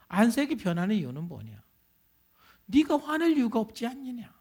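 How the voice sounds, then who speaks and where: A male pastor voicing God as a patient, fatherly figure who gently asks questions and gives earnest counsel. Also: sits high, full character voice. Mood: gently questioning. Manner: kindly probing questions, slow and earnest. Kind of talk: sermon quotation.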